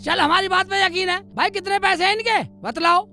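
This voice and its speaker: A man's voice: very high voice, a little fast, sharp tone, faint music behind, full character voice. A man playing a bumbling, melodramatic village husband in a slapstick comedy film, whining and wailing. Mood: coaxing. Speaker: comic lead.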